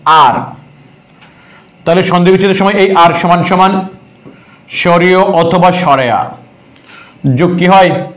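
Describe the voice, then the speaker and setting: Man, high voice, exam-prep teacher, rhetorical questions, teasing. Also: measured pace, long pauses, a bit bright. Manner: rhetorical questions, answers them himself, teasing. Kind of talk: online grammar class.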